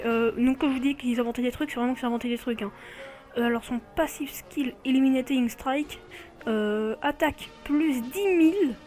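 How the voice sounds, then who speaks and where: A woman's voice: on the high side, darkish tone. A woman hosting a casual video showcase of game cards, chatting and often correcting herself mid-sentence. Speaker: video host.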